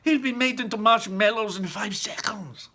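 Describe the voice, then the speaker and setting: A man's voice: sits high, moderate pace, sharp tone, voice pushed up, exaggerated voice. A man voicing a frantic, indignant storybook mother who screams and snaps in outrage. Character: shrill, frantic, indignant mother of a greedy boy.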